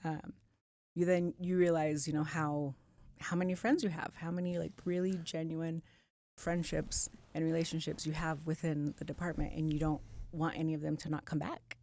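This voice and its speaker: A woman with a deep, darkish voice and level tone speaks at normal speed as a guest in a podcast studio. She's a police community outreach coordinator, talking about her outreach work in a heartfelt, emotionally open way during a casual interview.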